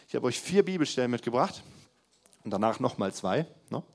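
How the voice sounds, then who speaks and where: A young man preaching a sermon to a congregation, his voice sitting in the middle of the male range. He swings between loud, punchy emphasis and quiet, close asides, often asking the room questions. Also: medium pitch, big pitch swings, a little fast, gravelly. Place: church hall before a congregation.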